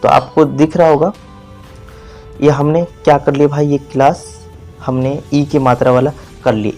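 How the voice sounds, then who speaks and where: This teacher's medium-pitched voice is a little mellow. He leads a classroom-style spelling lesson, drawing out vowels, repeating words and testing the viewer with questions.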